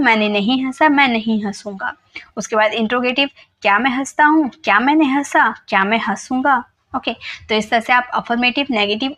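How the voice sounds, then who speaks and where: A woman teacher with a slightly high voice walks viewers through an English lesson in a relaxed, conversational way. She repeats every example patiently and slowly, pausing often to check the listener is following. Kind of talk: casual explanatory lesson.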